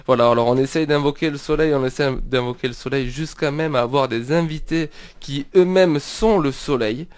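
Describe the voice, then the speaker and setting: A man's voice: mid-range voice, moderate pace, clean tone. Stuffy-nosed man hosting a radio show. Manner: hesitant, many restarts and chuckles. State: blocked nose from a cold. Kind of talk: casual radio chat. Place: radio studio.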